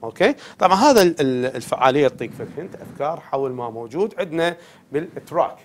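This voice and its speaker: Lively Iraqi man teaching English. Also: fairly high pitch, very fast, a little hiss or hum. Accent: Iraqi Arabic. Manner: explains in a mix of Iraqi Arabic and English, often asking "okay?". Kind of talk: televised classroom lesson.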